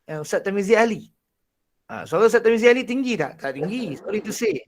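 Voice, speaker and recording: A man with a Malaysian Malay accent and a naturally husky, breathy voice, teaching a Quran recitation class in a lively way, with frequent laughs. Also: high-pitched, quick pace, slight background noise. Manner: animated, laughs often, demonstrates voices. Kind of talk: online lecture.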